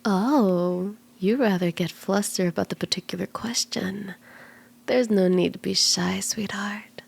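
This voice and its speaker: A woman plays a flirty, soothing kitsune fortune teller, a tarot reader, in an ASMR roleplay. Her mid-range voice is gentle, coaxing and unhurried, slipping at times into breathy whispers, with a flirty, teasing mood.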